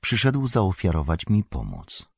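A man's voice: deep voice, huge pitch swings, measured pace, gravelly, slightly rough, dry recording, studio quality, pitched above the performer's own voice, full character voice. A man voicing a weary, troubled young hobbit traveller in an audiobook, earnest and polite. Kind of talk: audiobook character voice.

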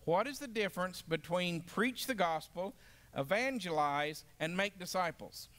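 A man's voice: high-pitched, animated, unhurried, a bit bright. A man teaching a Bible lesson to a class, emphatic and asking the group questions.

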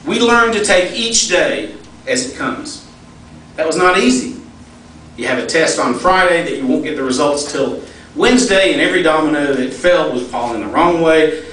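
Speaking at a fundraiser in a big event hall, a middle-aged man shares homespun personal stories in a slightly bright voice on the high side. Echo fills the recording, which comes from a far-off mic and carries faint noise.

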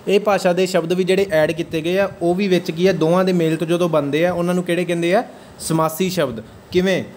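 A man teaching an exam-prep grammar lecture, asking his students again and again whether the point is clear. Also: sits high, steady tone, quick pace, darkish tone, a little hiss or hum. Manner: checks understanding with repeated questions.

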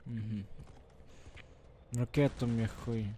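A gaming YouTuber hosting a retro game series gives casual, slangy let's-play commentary in a strained, sore-throated voice, often muttering and swearing to himself. His medium-pitched voice is fairly even, extremely slow and mellow, with a little hiss or hum, while game gunfire and ambience play behind him.

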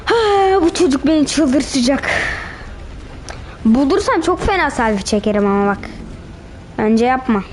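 A woman with a high voice narrates her own match as she plays. She teases and insults the other players in a loose, trash-talking way. A faint hiss sits under the recording. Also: unhurried, pauses often, darkish tone. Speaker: gamer. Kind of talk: gameplay commentary.

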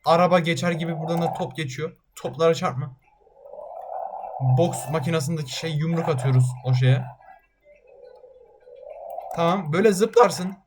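A man giving excitable let's-play commentary while gaming, yelping at near misses. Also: on the high side, moderate pace, pauses often, noisy background. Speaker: gaming channel host.

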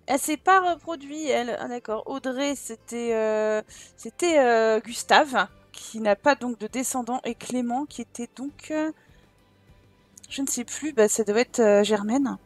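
A high-pitched woman commenting on a life-sim game as she plays, chatty and expressive. She talks to the viewers in a casual, lively way. Faint game music sits underneath her voice. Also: measured pace. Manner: chatty and expressive, full of exclamations and fillers. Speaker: gaming channel host. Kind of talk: casual let's-play commentary.

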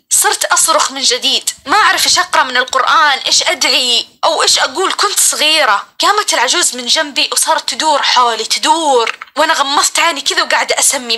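A young woman tells a horror story in the first person, dramatic and breathless. Her voice is high and bright, and she talks very fast.

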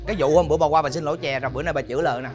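Rapid-fire excitable Southern Vietnamese man. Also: on the high side. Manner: excitable, quick comic reactions and complaints. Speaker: neighbor in a comedy sketch. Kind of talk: scripted comedy acting. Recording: background music under the dialogue. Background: music.

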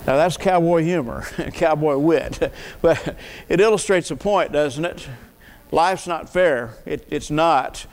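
Older pastor preaching from the pulpit. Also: male voice, fairly high pitch, slow. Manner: earnest, asks the congregation questions, repeats words. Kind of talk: sermon. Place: church sanctuary, at a wooden pulpit. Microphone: pulpit mic. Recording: long reverb of a church hall.

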